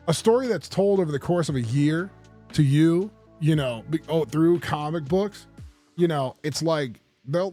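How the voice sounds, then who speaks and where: Young male streamer, a bit high-pitched, ranting hard and swearing freely over quiet game music. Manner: profane, ranting about comic book movies. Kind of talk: casual chat while gaming.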